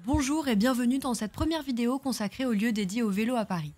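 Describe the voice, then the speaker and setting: A woman host reading a scripted introduction as a steady voice-over. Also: a little high, fast talker, over loud music. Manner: even, read introduction. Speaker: video host.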